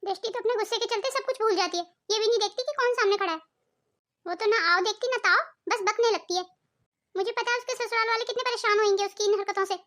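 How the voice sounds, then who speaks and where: A woman's voice: extremely high pitch, fast, fairly bright tone. A woman voicing a worried, scolding older mother-in-law in a cartoon family drama, fretful and motherly. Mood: confiding.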